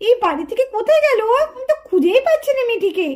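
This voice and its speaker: A woman's voice: very high voice, very animated, quick pace. Woman doing a furious puppet mother. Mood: angry, threatening. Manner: scolding, shouting threats. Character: strict, angry village mother with a stick. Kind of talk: puppet-show cartoon voice.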